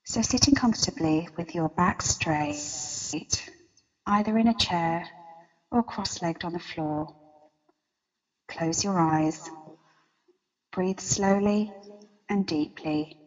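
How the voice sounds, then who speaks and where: A woman leading a guided meditation as a guide, with a slow, soothing countdown delivery. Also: on the low side, in a large hall, lo-fi sound. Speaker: meditation guide and interview guest.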